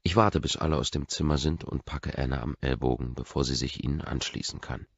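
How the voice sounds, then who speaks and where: Very deep, gravelly male audiobook narrator. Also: brisk, dry recording. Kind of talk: first-person audiobook narration. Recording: dry, dull lo-fi recording.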